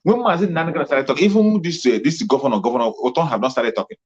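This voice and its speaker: A man's voice: mid-range voice, racing, husky. A man gives an impassioned political monologue, rallying and repeating himself for emphasis. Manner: fervent, repetitive, rallying tone. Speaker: political commentator. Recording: muffled lo-fi recording.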